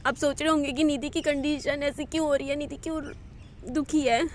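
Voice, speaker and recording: A young woman with a high, light voice pours out her troubles to the camera in a personal vlog. She sounds tearful and distressed but keeps confiding. It was recorded outdoors in a park, with faint outdoor ambience behind her. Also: fairly even intonation, fairly quick, slight background noise. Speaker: vlogger.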